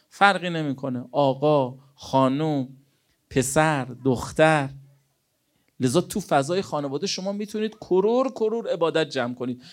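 An earnest male preacher with a fairly high voice delivers a sermon. He talks directly to the listeners and drives each point home with rhetorical questions. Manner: rhetorical questions, acts out imagined dialogues; earnest, exhortative.

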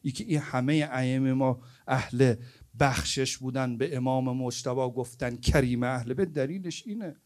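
A man preaching a storytelling sermon at an evening gathering, swinging between loud stressed words and hushed asides. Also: mid-range voice.

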